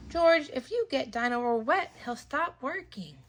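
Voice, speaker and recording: A woman's voice: high-pitched, expressive, a little slow, pitched above the performer's own voice. A woman reading aloud and voicing a kind, sensible mother pig from a storybook. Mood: reassuring.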